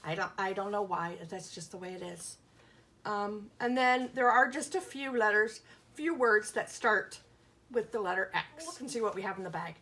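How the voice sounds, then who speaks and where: Animated and forceful, a woman with a medium-pitched, bright voice teaches young children at a moderate pace. Her lesson includes reading a picture book aloud, simple explanations, questions, and letters and words sounded out with emphasis.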